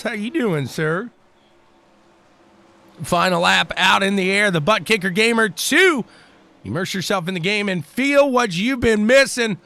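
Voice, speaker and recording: A man calling a sim-racing event live, chatty and excitable, hollering between calls. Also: sits high. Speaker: race commentator.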